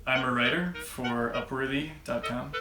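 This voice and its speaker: A man's voice: mid-range voice, fairly even intonation, moderate pace, over loud music. A man in his twenties giving matter-of-fact interview answers. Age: 20s. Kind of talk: casual interview. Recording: echoey room.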